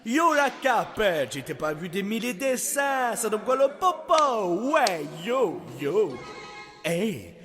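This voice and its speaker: An actor voicing an exuberant, wisecracking male genie with showy, theatrical patter in a fan dub of an animated musical film. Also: high voice, slow, full character voice. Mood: playful, boastful. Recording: loud music behind the voice.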